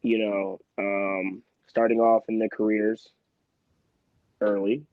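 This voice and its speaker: A young man in his twenties from Philadelphia, a guest in a casual interview, telling stories in an animated, emphatic way. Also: lowish voice, takes it slowly, no echo. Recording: slightly dull, muffled sound.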